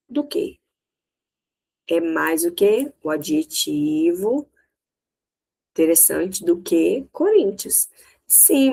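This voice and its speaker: A woman's voice: on the low side, darkish tone, poor audio. A woman with a Brazilian Portuguese accent teaching English in a recorded lesson, explaining step by step and often checking that students follow.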